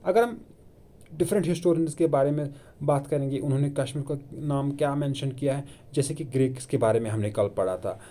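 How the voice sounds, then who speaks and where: Mellow-voiced man teaching a coaching class. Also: medium pitch, a little fast. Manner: asks and answers his own questions, repeats key terms; Hindi with English terms mixed in. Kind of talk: classroom lecture. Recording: online video lecture.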